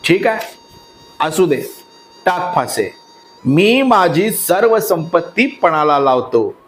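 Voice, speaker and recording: Man playing an earnest young king, hesitant, lively rising and falling, storybook reading. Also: a little high, slow pace. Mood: earnest, uneasy. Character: dutiful righteous young king, uneasy.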